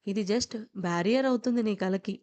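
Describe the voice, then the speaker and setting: A wistful young male student in an audio story talks softly and thoughtfully, as a woman narrator puts him on. His lines come out gentle and reflective. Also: medium pitch, normal speed, natural voice.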